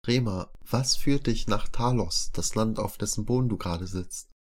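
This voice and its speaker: A kind mystical young woman traveler speaks calmly and asks gentle questions, as a man with a deep voice puts her on and lifts it a good deal higher. She sounds patient and warm-hearted. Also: normal speed, natural voice. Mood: friendly, curious.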